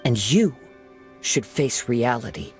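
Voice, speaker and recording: This is a male actor at medium pitch, playing a composed, observant young samurai wanderer in a video game with soothing, measured delivery. Faint music sits behind him.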